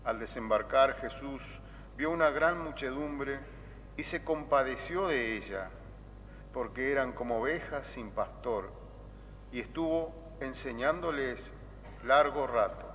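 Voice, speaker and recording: A priest gives a solemn, unhurried scripture reading. His deliberate phrases ring out with long cathedral echo, and the recording is dull with a rumbling noise behind him. He is a man with a mid-pitched voice. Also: expressive, a bit bright. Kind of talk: solemn liturgical Gospel reading. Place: large reverberant church.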